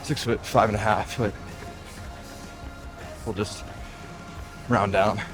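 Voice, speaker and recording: This running vlogger, a young man in his twenties, talks in a lowish, steady voice and slow pace over music. He's upbeat and chatty as he runs an outdoor trail, leaning on "like" and "just" and sometimes losing his breath.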